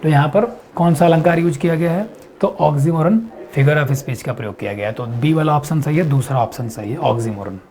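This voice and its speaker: A man teaching an exam-prep lesson, explaining step by step and answering his own questions, reading quiz lines slowly. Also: fairly high pitch, mellow. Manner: reads English quiz lines slowly and deliberately.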